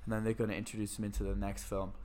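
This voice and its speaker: His voice sits lowish and races along in a completely flat delivery, with crowd noise behind him. A podcast co-host with a stuffy nose from a cold, he grumbles bluntly and swears while complaining about a film in a casual movie review chat.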